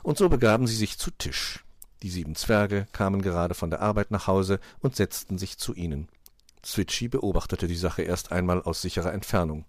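A man narrating a children's fairy-tale audiobook in an expressive storytelling manner. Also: low voice, normal speed, dry recording, clean studio sound.

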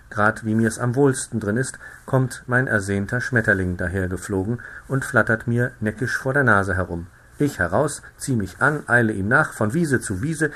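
Mann mit heller, lebendiger Erzählstimme. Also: male voice, fairly low pitch. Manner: lively, expressive storytelling. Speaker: audiobook reader. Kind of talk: literary audiobook narration.

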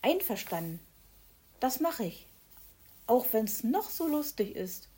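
A mischievous little blue bird from a children's storybook, teasing his friends with ghostly hoots, as a woman narrator puts him on. The voice jumps up in pitch and loudness for the spooky sounds. It has a soft, slightly breathy tone. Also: very animated, slow, full character voice. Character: small cheeky blue bird, playful trickster.

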